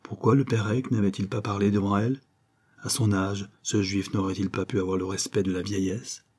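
A man reading a novel aloud in a measured storytelling manner as an audiobook narrator. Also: on the low side, flat delivery, darkish tone, slightly rough.

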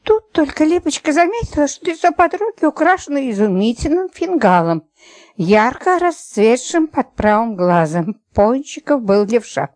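A woman narrating an audiobook with a lively, expressive reading. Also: sits high, moderate pace. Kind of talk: scripted narration.

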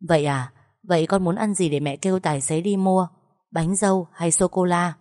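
A woman's voice: on the low side, fairly even intonation, normal speed, a little mellow, no room sound, natural voice. Brief: woman voicing a storybook mother, coaxing and pleading, dry close sound. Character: coaxing middle-aged mother, eager to please.

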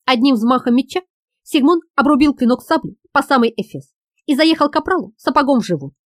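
A woman narrating an audiobook in a lively, expressive reading. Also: high-pitched, brisk, no room sound, clean studio sound.

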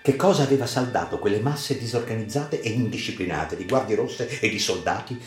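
A deep-voiced man delivers scripted literary narration for radio theatre, theatrical and emphatic with a measured, dramatic pace. Music plays underneath, and the recording has a roomy echo.

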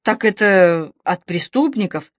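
A woman's voice: mid-range voice, lively intonation, measured pace, no room sound. A timid young male detective, red-haired and sweating, as a woman reader puts him on, who stammers out his bewildered questions. His voice is lifted a little above the reader's own. The recording is dry and close.

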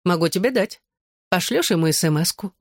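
Woman doing a playful teen girl bestie, teasing and coaxing, a bit higher, dry close sound. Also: lively intonation, brisk, dry recording. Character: teasing, playful teenage girl best friend.

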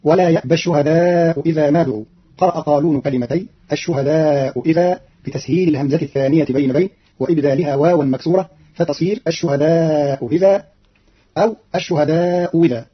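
A man reading a formal scripted explanation as a radio announcer, quoting phrases with precise, measured delivery. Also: fairly high pitch, breathy edge. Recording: dull lo-fi archival radio recording.

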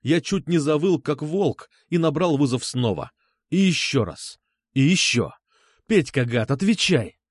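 A man's voice: on the high side, sing-song, measured pace, no room sound, clean studio sound. A man narrating a tense first-person audiobook story in a dramatic manner.

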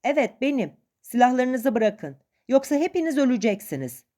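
A woman voicing a frightened captive sailor who shouts to his shipmates to surrender. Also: high-pitched, sing-song, moderate pace, voice pushed up. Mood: pleading, urgent.

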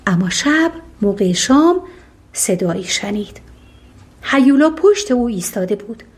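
A woman narrating a fairy tale audiobook in a calm, even storytelling manner. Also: on the high side.

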